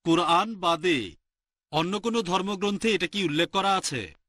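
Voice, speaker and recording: A man's voice: sits high, sharp tone. A man in the audience, a businessman, politely asking the lecturer a formal question. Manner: polite and measured.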